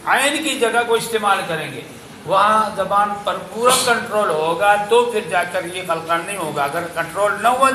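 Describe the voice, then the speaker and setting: Pakistani Urdu-accented male Quran teacher; high, bright, sharp; repeats syllables to correct students; echoey classroom. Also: slight background noise. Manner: corrects pronunciation by repeating syllables, then chants verses slowly. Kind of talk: classroom tajweed drill. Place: madrasa classroom.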